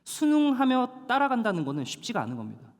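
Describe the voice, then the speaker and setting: A male pastor preaching a sermon to a young adult congregation, animated and storytelling, with dramatic slowdowns for emphasis. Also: extremely high pitch. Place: church hall. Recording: long hall reverb.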